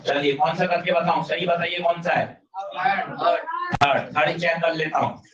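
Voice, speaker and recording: A male teacher giving a lively classroom physics lecture, drilling students with rapid questions and urging them on. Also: fairly high pitch, crowd noise. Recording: dull roomy classroom sound from a distance.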